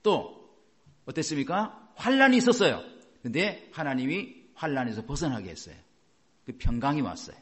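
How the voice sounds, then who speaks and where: A man's voice: fairly high pitch, big pitch swings, moderate pace, fairly bright tone. A man preaching a sermon in a dramatic way, asking his listeners rhetorical questions and acting out quotes. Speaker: pastor.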